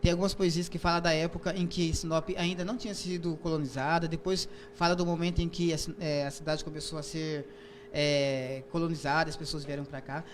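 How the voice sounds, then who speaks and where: A man with a Brazilian Portuguese accent talks through poetic form in an interview, slowly and patiently, with plenty of fillers and restarts. His voice sits a little higher than usual for a man. Faint room ambience hums behind him. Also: flat delivery, a little hiss or hum. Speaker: poet and author guest. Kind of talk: interview, explaining and reciting poetry.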